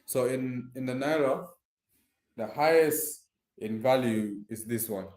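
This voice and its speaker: Slow and a little mellow, this mid-range male voice belongs to a Nigerian live streamer speaking casually and slangily to his audience in a Nigerian accent. The recording is from an echoey room indoors.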